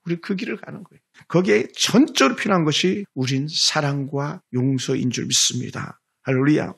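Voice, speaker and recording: A man preaches a sermon as a pastor, talking fast in a fairly high voice. His delivery is emphatic and repetitive, often punctuated by hallelujahs. The voice has a gravelly, husky edge. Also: a bit bright. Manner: speaks quickly.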